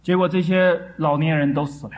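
A preacher delivers a sermon in short bursts, stopping after each for an interpreter. The voice rises with vivid stories and sinks low and slow on the solemn ones. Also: fairly even intonation. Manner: dramatic, slows and drops for solemn lines.

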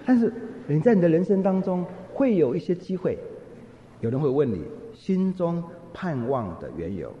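A man's voice: on the high side, moderate pace, slight background noise. A man giving a sermon, telling stories with humor and acting out what people said. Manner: humorous, lively storytelling, acts out quotes. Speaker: preacher. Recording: echoey hall, dull lo-fi sound.

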